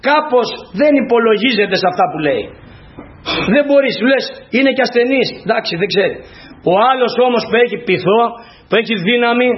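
A man's voice: high-pitched, highs cut off. A man preaching a sermon, explaining scripture and acting out pleas and rhetorical questions.

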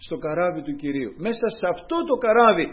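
A male preacher giving an impassioned sermon, swinging between loud and hushed and calling his listeners brothers. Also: a little high, lively intonation, muffled recording.

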